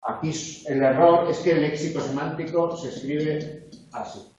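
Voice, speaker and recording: A man's voice: a little high, fairly even intonation, normal speed, a little mellow. A male university tutor going methodically through exam answers and often checking that students follow. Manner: methodical, checks understanding with frequent "¿de acuerdo?". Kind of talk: lecture correcting exam answers. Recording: echoey, dull lo-fi classroom recording.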